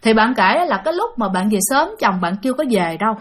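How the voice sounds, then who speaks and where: A woman's voice: fairly high pitch, big pitch swings, fast talker. A woman with a Southern Vietnamese accent narrating a ghost story in a chatty way, talking straight to her listeners. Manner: chatty, addresses listeners directly.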